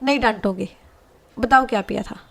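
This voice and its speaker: A woman's voice: fairly high pitch, brisk, gravelly, fairly bright tone. A woman voicing a young woman who firmly scolds and questions her partner. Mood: scolding.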